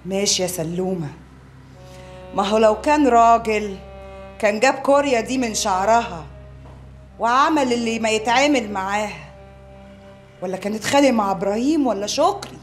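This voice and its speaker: A woman's voice: on the high side, fairly quick, long pauses, soft background music, lightly acted. An actress playing a bitter, defiant young wife complaining indignantly about her husband.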